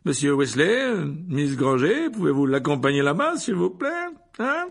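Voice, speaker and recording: A pompous, showy wizard teacher booms out in a high, bright voice, as a man puts him on for an audiobook. He chatters on, vain and sure of himself, with a gravelly edge. The pitch swings all over. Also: sing-song, measured pace, exaggerated voice. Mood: boastful. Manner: booming, self-assured, chattering.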